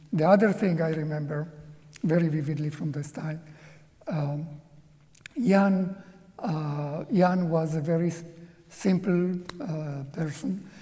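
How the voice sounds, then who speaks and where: Speaking as a guest in a museum auditorium, this Hungarian-speaking man from Czechoslovakia, in his seventies, reflects on his life slowly and with hesitation. His voice runs high and mellow, carrying the sound of the big room.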